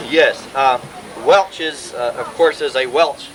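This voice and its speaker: A man, talking informally to relatives at a family gathering in a rambling way with many pauses, heard on an old VHS home video. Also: medium pitch, a crowd in the background, poor audio. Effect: old VHS home video sound. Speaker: family historian speaking at a birthday gathering.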